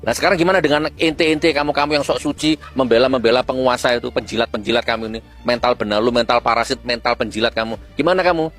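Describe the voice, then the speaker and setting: A man delivering a scornful, fiery rant with sudden high-pitched outbursts. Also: fairly even intonation, fast, hardly any pauses, fairly bright tone, soft background music. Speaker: preacher-style political commentator. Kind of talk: ranting monologue.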